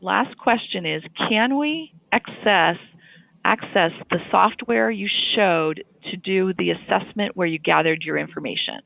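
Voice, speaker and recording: Woman moderator on a call, audio glitching and cutting out, gravelly voice, phone-line tinny. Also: lowish voice, unhurried, no echo. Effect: phone line breaking up and cutting out. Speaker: webinar moderator. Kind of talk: hosting a webinar Q&A.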